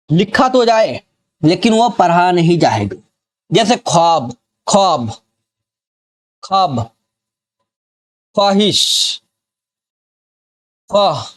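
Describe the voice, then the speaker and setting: Slow-paced, high-voiced male grammar teacher. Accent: Bihar. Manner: slow, repeats example words and keeps checking the student follows. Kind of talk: classroom grammar lesson.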